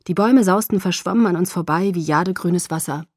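A woman narrating a novel in the first person, softly, often near a whisper. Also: on the low side, fairly quick, slightly rough, dry recording, studio quality. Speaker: audiobook narrator.

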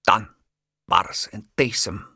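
A man narrating an audiobook in a measured, expressive storytelling manner. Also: fairly low pitch, creaky, breathy edge, no room sound, clean studio sound.

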